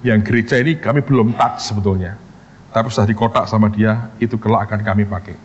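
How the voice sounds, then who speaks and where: Animated pastor telling a story. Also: male voice, fast talker, lo-fi sound, a little hiss or hum. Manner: animated storyteller, acting out quoted dialogue with sudden pitch jumps. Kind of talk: sermon storytelling. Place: church hall.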